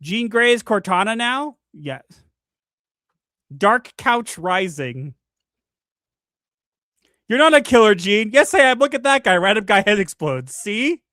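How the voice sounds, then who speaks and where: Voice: mid-range voice, animated, measured pace, long pauses, fairly bright tone, no echo. Dry-voiced host ranting about a movie. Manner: reads chat comments aloud in mock voices, emphatic ranting. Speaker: stream co-host reading chat. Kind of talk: casual spoiler movie discussion.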